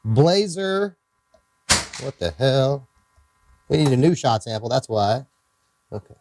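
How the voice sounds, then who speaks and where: A gun channel host with an Iowa accent rambles through a casual outdoor range vlog, correcting himself and reading out ammo test results. His mid-range voice swings widely in pitch, he speaks slowly, and there's background noise.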